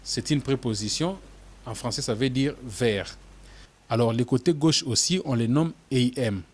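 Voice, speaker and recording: A man narrating a language lesson in a measured, explanatory way, spelling out terms. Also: medium pitch, darkish tone. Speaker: English teacher.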